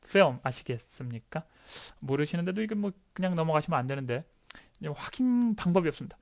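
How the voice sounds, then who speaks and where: A man teaching pronunciation in a recorded online lesson, animated and excitable, drilling words again and again with exaggerated sounds and laughing at himself. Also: on the high side, brisk, vocal fry. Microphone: desk microphone close up.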